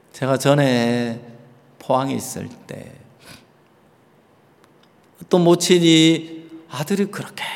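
A man preaching a sermon with a dramatic, emphatic delivery and a lively, sweeping pitch. His voice sits fairly high and moves slowly and deliberately. A long church-hall reverb trails every phrase. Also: gravelly. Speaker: pastor.

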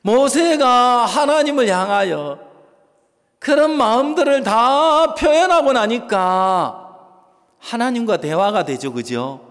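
A man preaches a sermon in a church sanctuary, his voice pitched high and very animated. He swings between loud, stressed phrases and soft asides. Long reverb hangs in the hall around him. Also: slow. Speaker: pastor.

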